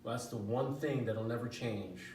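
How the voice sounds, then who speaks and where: A middle-aged man tells his life story in a relaxed interview, doubling back and restarting often. He is heard from a little way off in a very echoey room, with noticeable background noise. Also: medium pitch, a little slow, distant mic. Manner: rambling, restarts often, chuckles now and then. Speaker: interview guest. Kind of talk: casual personal storytelling interview.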